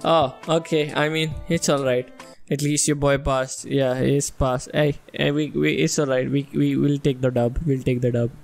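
A man's voice: medium pitch, steady tone, moderate pace, vocal fry, faint music behind. A man bantering casually as a podcast guest, using slang and swearing and mixing Hindi into English. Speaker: podcast guest and quiz contestant.

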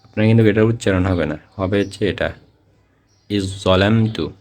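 A man with a Bangladeshi Bengali accent teaching Quran reading step by step, repeating each example word slowly in a drawn-out recitation. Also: on the low side, darkish tone. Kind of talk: slow step-by-step lesson.

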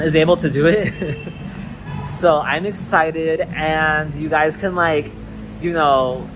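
A man's voice: a little high, a bit bright, slight background noise, poor audio. A man vlogging through a face mask in a loose, chatty way, full of filler words. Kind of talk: casual vlog chat to camera.

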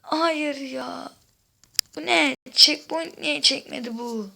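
A woman giving casual gameplay commentary, exasperated, swearing and shouting out at the game while chatting to her viewers. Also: high-pitched, takes it slowly, creaky, background noise. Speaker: gaming video host.

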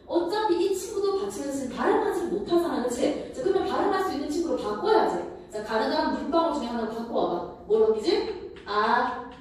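A woman's voice: high-pitched, expressive, fast talker, darkish tone. A woman teaching a grammar lesson to a class, often checking in with her students. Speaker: Korean language teacher. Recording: echoey room, from a distance.

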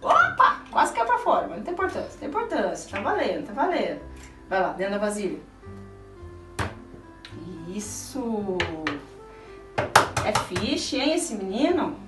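A middle-aged woman who hosts a cooking show cooks casually with a child, her aunt's manner chatty, patient, coaxing and encouraging as she explains steps to viewers. Her medium-pitched voice swings widely in pitch, runs a little slow and leaves long pauses. The small indoor kitchen is roomy, captured by a camera a helper holds a few feet away, with music in the background.

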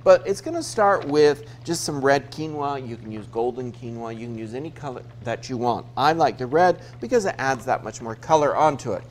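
A man's voice: mid-range voice, normal speed, hardly any pauses, a little hiss or hum. A man in his fifties from Utah hosting a TV cooking segment, chatting through each step as he cooks in a studio kitchen. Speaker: TV cooking show host. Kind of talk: cooking demonstration.

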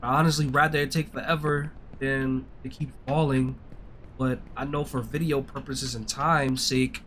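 A man's voice: medium pitch, level tone, normal speed, a bit bright, a little hiss or hum. A young man giving casual, slangy gameplay commentary, grumbling in frustration and swearing as he goes. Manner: slangy, swearing, often addressing listeners as bro. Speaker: gaming streamer. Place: indoor streaming setup.

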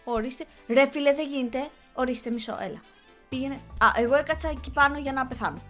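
A young woman giving excitable gameplay commentary, often yelling and scolding her character. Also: sits high, faint music behind. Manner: excitable, yells and scolds the game. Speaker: gaming YouTuber.

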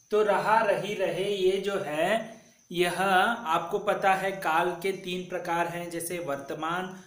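A man teaching a grammar lesson to school children, slowly repeating example sentences for pupils to say after him. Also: a little high, fairly bright tone, roomy sound.

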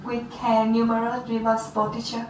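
A teenage girl with a Vietnamese accent taking an English speaking test, halting and hesitant with restarts. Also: fairly high pitch, completely flat delivery, background noise. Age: teens. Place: small classroom office, indoors. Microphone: far camera. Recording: roomy, distant camera sound.

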